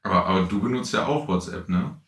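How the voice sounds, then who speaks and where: A nineteen-year-old man chatting as a podcast guest, pausing often and searching for words while he tells anecdotes. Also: low voice, lively intonation, a bit bright. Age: teens. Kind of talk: casual conversation. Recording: echoey room.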